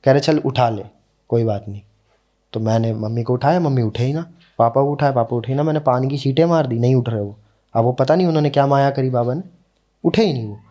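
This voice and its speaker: A young man with a mellow, warm tone tells a personal story as a podcast guest. He talks casually and earnestly, and slows down to let the emotional moments land. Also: mid-range voice.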